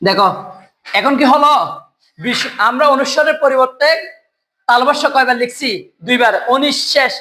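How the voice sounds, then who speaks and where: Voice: sits high, bright, forceful tone, rough recording. A teacher giving an exam-prep lesson, asking the class questions and answering them right away. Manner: quizzes students, asks and answers own questions. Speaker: Bengali grammar teacher.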